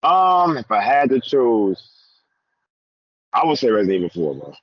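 A man's voice: mid-range voice, sing-song, normal speed, dry recording, muffled recording. A man chatting casually and jokingly with friends, in laid-back slang. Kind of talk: casual chat.

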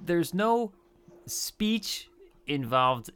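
A man's voice: on the high side, very animated, drawn-out words, a bit bright, a little hiss or hum. A man co-hosting a podcast, chatting casually and acting out quoted lines with laughter. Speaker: podcast co-host. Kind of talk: casual chat.

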